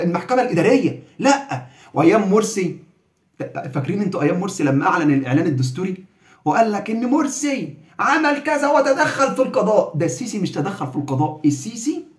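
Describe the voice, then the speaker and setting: A man's voice: high voice, echoey room. A man with an Egyptian accent giving heated, sarcastic political commentary.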